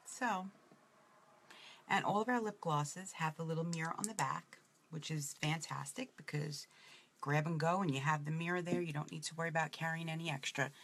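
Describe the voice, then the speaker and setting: A makeup tutorial presenter from Brooklyn, New York, with a New York accent, chats casually while demonstrating her makeup, rambling and drifting off topic. Her voice is low-pitched, steady, and a bit bright at a moderate pace, with a little hiss or hum in the audio.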